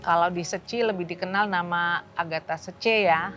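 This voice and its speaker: A woman's voice: on the low side, normal speed, faint music behind. A woman in her late fifties from Indonesia, talking casually about her volunteer work in a chatty way. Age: 50s. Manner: chatty, with soft laughs. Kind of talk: casual interview.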